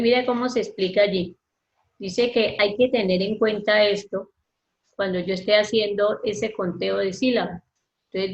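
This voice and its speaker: Slow, patient woman teacher, echoey room. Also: medium pitch, highs cut off. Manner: patient, step-by-step, addresses student formally; drawn-out syllable counting. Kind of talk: online class explaining poetry.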